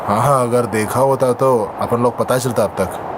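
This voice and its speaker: A man's voice: medium pitch, fairly even intonation, moderate pace, background noise, lightly acted. An actor dubbing an idle young man who talks in casual street slang and begs for money. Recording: film soundtrack with music.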